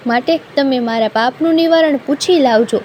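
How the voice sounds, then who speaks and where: A woman voicing a sorrowful talking mango tree in a storybook tale, slow and earnest. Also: high-pitched, muffled recording, slight background noise, natural voice.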